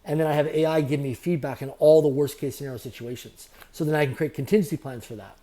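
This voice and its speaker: A man being interviewed on a podcast, speaking in quick, repetitive motivational phrases. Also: fairly high pitch, steady tone, dark tone. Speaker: guest, entrepreneur.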